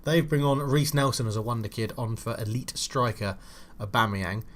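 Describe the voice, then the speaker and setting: A young man talks through his football management save in a mid-pitched, everyday voice. He grumbles, swears and bursts out loudly at his players, then drops back into casual chat. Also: normal speed. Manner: frustrated, swears, loud outbursts at his team. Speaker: gaming channel host. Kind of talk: casual game commentary.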